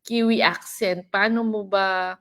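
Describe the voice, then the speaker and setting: A woman's voice: medium pitch, steady tone, takes it slowly, creaky, a bit bright. A woman chatting casually and playfully, mixing Tagalog and English. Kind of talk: casual chat.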